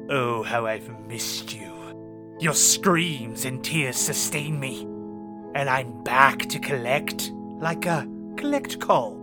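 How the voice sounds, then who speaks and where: A man's voice: medium pitch, lightly acted. A man playing a campy horror host over music. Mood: gloating. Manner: hammy, mock-sinister, slow and drawn out. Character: theatrical male horror radio host, gleefully macabre. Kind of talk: campy horror radio drama narration.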